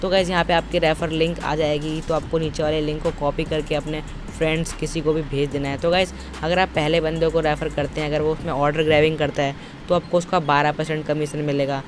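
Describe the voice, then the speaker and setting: A tutorial presenter, a young man whose voice sits on the high side, speaks fairly quickly in a level tone with music in the background. His informal step-by-step voice-over repeats instructional phrases, set against noisy, traffic-like outdoor sound.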